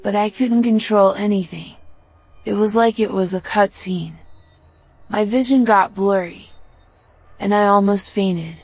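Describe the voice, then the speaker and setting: A woman reading a first-person horror story as scripted narration, in a measured, even delivery. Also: mid-range voice, no echo, soft background music.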